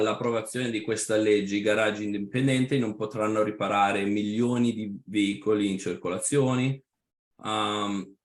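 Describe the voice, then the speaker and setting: At an online webinar, a trade association representative gives a presentation in a lowish voice from an echoey room. He speaks slowly and hesitantly, halting with many fillers and restarts, and sometimes slips into English.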